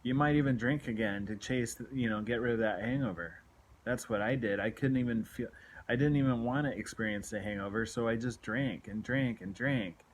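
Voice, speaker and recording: This late-40s self-help vlogger talks straight to camera from a small room indoors at home, recording on a phone at arm's length. He has a mid-range voice at normal speed and an earnest, confessional, exhorting manner, repeating himself for emphasis. The audio quality is poor.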